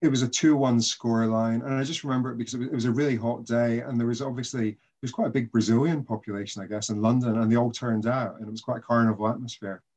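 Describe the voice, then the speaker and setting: A Scottish man, a guest on a podcast interview, telling stories in a relaxed, chatty way. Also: mid-range voice, quick pace, hardly any pauses. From Scotland. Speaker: guest, communications consultant.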